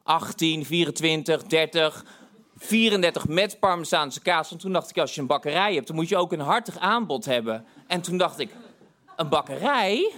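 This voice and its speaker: A man's voice: fairly high pitch, expressive, normal speed, pushed and bright. Self-mocking storyteller man in his thirties. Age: 30s. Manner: candid, self-mocking, quotes his own thoughts. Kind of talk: live comic storytelling.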